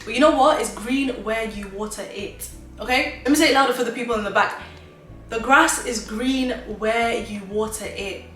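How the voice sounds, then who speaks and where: A woman's voice: fairly high pitch, normal speed, a bit bright, far from the mic. Woman in her 20s, motivational vlogger, emphatic, roomy room sound, a bit off-mic. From Zimbabwe. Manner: emphatic, motivational, talks straight to viewers. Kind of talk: casual chatty advice vlog. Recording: roomy echo, mic set back, faint music.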